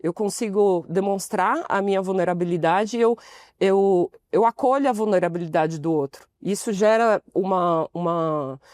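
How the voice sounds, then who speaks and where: A woman in her forties from Brazil tells stories from her working life as an interview guest. She voices the people in her stories as she goes, with a lively, personal delivery. The sound is dry and close. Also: medium pitch, normal speed, no room sound. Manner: expressive storyteller, acts out quoted dialogue. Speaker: podcast guest, consultant. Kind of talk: storytelling interview conversation.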